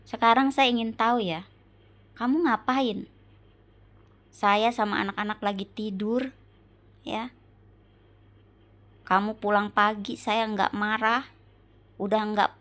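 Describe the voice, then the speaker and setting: Slow, aggrieved woman. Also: mid-range voice. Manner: slow, repetitive, pleading rhetorical questions. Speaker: wife venting on camera. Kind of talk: emotional monologue addressed to her husband.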